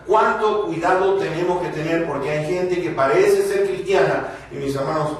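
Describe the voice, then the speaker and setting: A man's voice: high-pitched, normal speed, far from the mic. A man preaching a sermon, speaking emphatically to his congregation, his voice rising and falling. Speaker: pastor. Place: church hall. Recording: very echoey hall, voice from afar.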